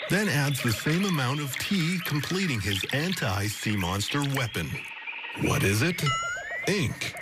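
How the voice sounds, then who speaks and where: A man's voice: medium pitch, heavy background noise. A man reading scripted narration in the manner of a nature documentary, with a mock-serious, dramatic storytelling delivery. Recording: music under the voice.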